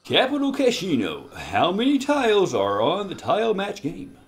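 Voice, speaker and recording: A man voicing a scheming duck quiz show host from a video game, with slow, theatrical, gloating villain menace. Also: high-pitched, wildly swooping pitch, voice pushed up, exaggerated voice. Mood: showy quizmaster. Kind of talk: reading game dialogue in character.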